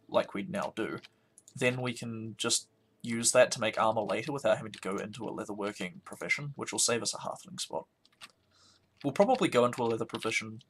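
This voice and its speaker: A tired let's play host with a lowish, slightly bright voice casually comments on the strategy game he's playing, thinking aloud. He sounds sleepy and yawns now and then, with slight background noise.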